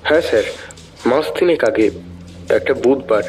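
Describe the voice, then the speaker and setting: An actor playing a young office worker answering a detective deferentially, calling him sir. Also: male voice, mid-range voice, normal speed, darkish tone, soft background music, natural voice. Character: nervous young male office worker questioned by police.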